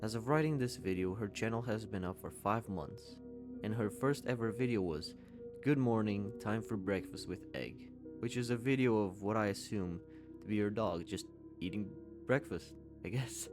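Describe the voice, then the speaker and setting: A man's voice: fairly low pitch, normal speed, over music. A man in his twenties giving a candid, conversational commentary voice-over and swearing casually. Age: 20s. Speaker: YouTube commentator.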